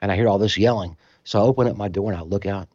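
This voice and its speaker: A man telling a story in casual conversation, animated and acting out other people's voices, in a slightly muffled recording. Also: lowish voice, very fast, no room sound. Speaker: storytelling guest musician.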